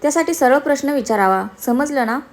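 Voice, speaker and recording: A woman voicing a feisty, sharp-tongued young woman in a storybook reading. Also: high voice, lively intonation, fairly quick. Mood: sulky. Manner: snappy, sulky.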